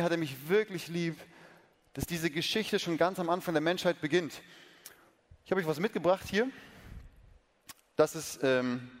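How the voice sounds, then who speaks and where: A man preaching a sermon earnestly, talking straight to his listeners and asking them questions. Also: fairly high pitch. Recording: long reverb of a large hall.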